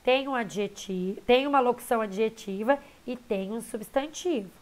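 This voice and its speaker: High-voiced Brazilian woman teacher. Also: normal speed. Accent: Brazilian Portuguese. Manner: warm, addresses students as "queridos", checks in with "tá?" and "beleza?". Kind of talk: recorded class lesson.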